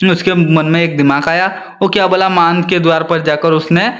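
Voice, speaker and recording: A man's voice: a little high, fairly even intonation, moderate pace, a bit bright. A male teacher reading a story aloud to young children, often repeating lines and asking them questions.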